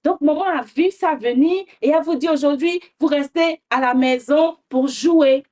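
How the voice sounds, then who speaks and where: Kids' show host, high-pitched woman, gentle questioning teacher. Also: normal speed. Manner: gentle, questioning, often adds "hein?". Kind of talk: teaching young children.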